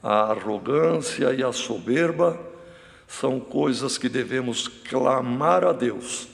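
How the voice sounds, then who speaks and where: Slow, gravelly man preaching in a hall. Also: mid-range voice, lively intonation. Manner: slow, halting delivery with frequent address to the brethren. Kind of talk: sermon. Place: church hall.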